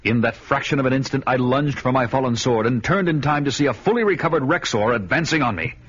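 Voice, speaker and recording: In a radio drama, a man with a medium-pitched, fairly everyday voice narrates quickly as a grim barbarian hero hardened by battle, recounting his story in first person. The audio is muffled and buried under loud music.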